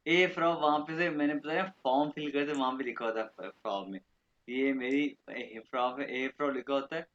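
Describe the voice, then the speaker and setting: A man's voice: mid-range voice, fairly bright tone, lo-fi sound. Man teaching German vocabulary. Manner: repeats words slowly, checks "theek hai?" often. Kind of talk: online language lesson.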